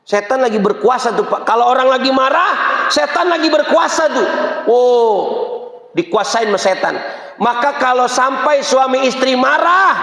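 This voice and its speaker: Lively, high-voiced preacher man in echoey mosque. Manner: lively and joking, asks the crowd "bener gak, Pak?". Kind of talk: mosque sermon.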